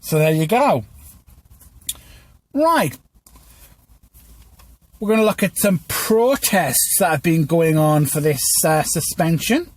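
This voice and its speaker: High-pitched man, stiltedly reading a script. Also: slow pace, pauses often, no echo. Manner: stilted teleprompter-style reading with stumbles. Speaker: podcast host. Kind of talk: scripted news commentary read aloud from a script.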